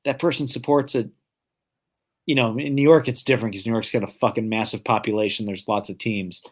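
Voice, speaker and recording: A man's voice: mid-range voice, fairly even intonation, a little fast. A man from the Detroit area co-hosting a live football fan show. He talks casually, hedges his points, swears and fills gaps with "like.". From Detroit area, United States. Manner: casual, hedging, swears, many fillers like "like". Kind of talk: casual live-stream chat.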